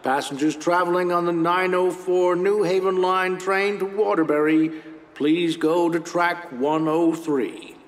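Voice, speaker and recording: A man giving a formal train announcement over a station loudspeaker, slow and measured. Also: high voice, steady tone. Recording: echoey hall from far off, faint noise.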